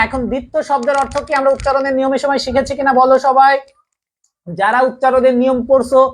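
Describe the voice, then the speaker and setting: A woman from Bangladesh, teaching an online grammar class and drilling students with repeated questions. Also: sits high. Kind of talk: live online class lesson.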